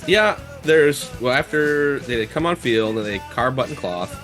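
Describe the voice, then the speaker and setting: A man's voice: mid-range voice, animated, normal speed, fairly bright tone, soft background music. A man guesting on a podcast, talking about a band in an enthusiastic, rambling way. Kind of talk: casual chat about music.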